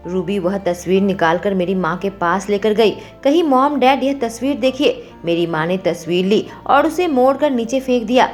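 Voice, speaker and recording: A woman storyteller reading a scripted story with steady, expressive narration. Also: medium pitch, moderate pace, hardly any pauses, soft background music.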